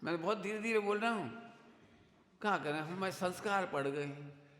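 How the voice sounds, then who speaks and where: A man's voice: high-pitched, normal speed, a bit bright. A man giving a religious discourse in a conversational teaching manner, asking rhetorical questions and mimicking his listeners. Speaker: Jain scholar giving a discourse. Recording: echoey hall sound.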